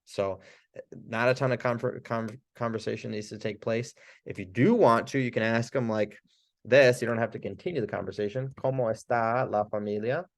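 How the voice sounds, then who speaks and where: Man, chiropractor, casual lesson, chatty, acts out phrases, mid-pitched voice. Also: brisk, vocal fry. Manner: chatty, laughs often, demonstrates phrases with lively pitch. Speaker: chiropractor teaching Spanish phrases. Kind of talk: casual instructional talk. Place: works with patients in the US Midwest.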